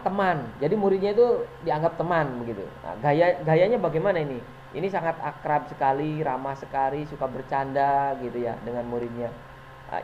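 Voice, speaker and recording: A man's voice: a little high, mellow. Hesitant man presenting to teachers. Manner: chatty and hesitant, many fillers and small chuckles. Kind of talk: informal presentation to fellow teachers. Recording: dull lo-fi recording with faint noise.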